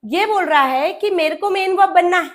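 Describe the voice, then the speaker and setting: A high-pitched woman teaching an English grammar class. She speaks to her students in a familiar way, calling them "beta," and turns grammar words into little characters who talk to each other. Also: moderate pace. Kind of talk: classroom lesson.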